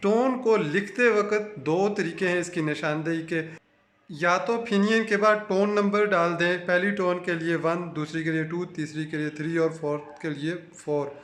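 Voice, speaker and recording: Guy w/ pakistani urdu accent calmly explaining a language lesson, kinda high voice, roomy echo. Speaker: language teacher. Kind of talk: scripted lesson narration.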